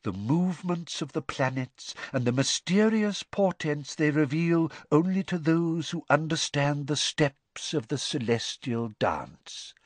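A man voicing a mournful, misty-voiced female fortune-teller teacher who speaks slowly and theatrically, in a storybook reading. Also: on the high side, animated, dry recording, voice pushed up. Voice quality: misty, drawn-out.

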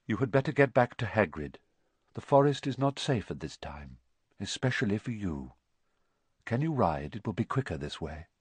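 A man's voice: fairly low pitch, big pitch swings, husky, no room sound, exaggerated voice. Young storybook centaur, played by a man: grave, noble, formal, protective, with a wide-ranging delivery. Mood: grave, urgent. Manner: solemn, formal, measured. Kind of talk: dramatized audiobook character voice.

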